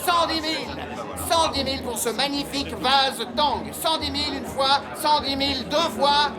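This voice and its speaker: An actor playing a brisk, formal auctioneer who calls out and repeats rising bids in a drama. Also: sits high, fairly even intonation, lightly acted. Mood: urging. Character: brisk auctioneer at an antiques sale. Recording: background music and murmuring auction crowd.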